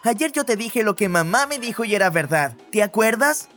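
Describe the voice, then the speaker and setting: An actor voices an insistent older brother passing on orders to his sister. The voice is mid-pitched and plain. Faint music plays underneath. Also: lively intonation, normal speed, a bit bright, lightly acted. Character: older brother, young, bossy.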